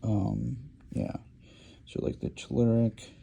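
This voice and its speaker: A man with a low, dark, gravelly voice talks through an informal lecture. He rambles and hesitates, filling gaps with ums and restarting his sentences as he draws. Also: level tone, takes it slowly. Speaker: lecture host.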